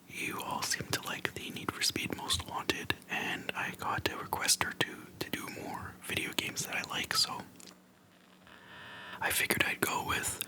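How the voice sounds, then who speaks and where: Whispering close to the microphone in a soft, airy voice, an ASMR creator talks casually and unhurriedly, using short, gentle phrases with pauses. The recording is rough.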